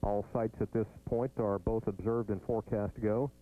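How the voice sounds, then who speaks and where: An American man delivering formal, measured mission control commentary from a script. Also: on the low side, steady tone, faint music behind. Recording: thin phone-like broadcast line.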